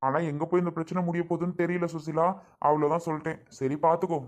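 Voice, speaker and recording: Man in a family skit, talks fast, calm and reasoning. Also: a little high. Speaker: skit actor.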